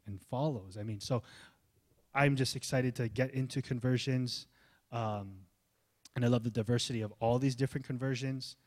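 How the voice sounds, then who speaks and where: A male pastor delivers a sermon with animated preaching. He swings from loud, pressing emphasis to quiet, low asides. His delivery is lively and expressive. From United States. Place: church hall.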